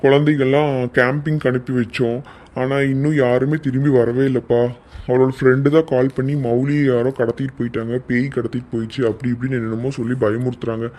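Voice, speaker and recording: A man's voice: mid-range voice, little pitch movement, fast talker, darkish tone, lightly acted. A man voicing an anxious father whose daughter has gone missing, in a cartoon. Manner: anxious, pleading, repeated questions. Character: worried father of a missing teenage girl. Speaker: cartoon voice actor.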